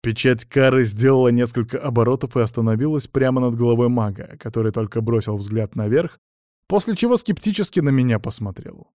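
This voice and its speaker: A man narrating a first-person fantasy audiobook in a steady, even storytelling manner. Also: mid-range voice, a little fast, dry recording, studio quality.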